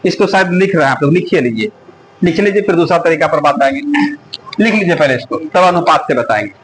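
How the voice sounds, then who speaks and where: Guy teaching math to a class, kinda high voice, keeps checking everyone gets it, bit of hiss. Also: expressive, quick pace, rough recording. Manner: coaxing, keeps asking the class if it is clear. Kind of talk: classroom lecture.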